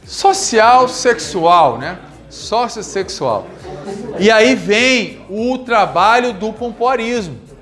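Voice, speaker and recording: A man in his forties giving a live classroom lecture, from Brazil, coaching students through exercises with lively repeated commands. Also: high-pitched, takes it slowly, soft background music. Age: 40s. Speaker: physical education lecturer. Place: classroom with audience.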